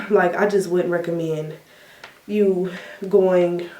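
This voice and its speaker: A young woman vlogger telling a story in a casual question-and-answer chat, animated and laughing often, acting out her own reactions in a higher voice. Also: very slow, distant mic, a little hiss or hum. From United States. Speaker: beauty vlogger. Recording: echoey room, a bit off mic.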